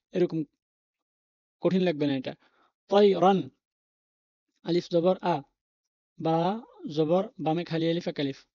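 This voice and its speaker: A mellow, mid-range voice belongs to a patient Quran reading teacher who goes through Arabic letters and vowel marks individually. Reassuring in tone, the teacher talks learners out of their worry and insists it's not difficult. There's no room sound, though the recording quality is dull and lo-fi.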